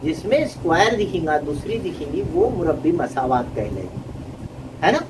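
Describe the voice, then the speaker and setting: A man's voice: fairly high pitch, sing-song, normal speed. A man teaching a math class, explaining patiently and often asking his students questions. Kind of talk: classroom lesson. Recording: distant mic with traffic noise.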